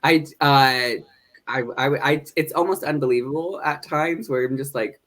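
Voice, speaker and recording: A man's voice: medium pitch, moderate pace, fairly bright tone. A man in his thirties from northeastern Pennsylvania, a drag performer and educator, talking earnestly and upbeat in a casual podcast interview, with frequent fillers.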